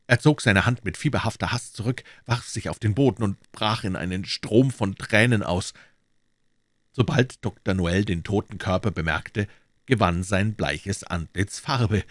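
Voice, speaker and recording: A man reading a classic story aloud in a measured, low-register narration. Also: dry recording. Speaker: audiobook reader. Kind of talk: audiobook narration.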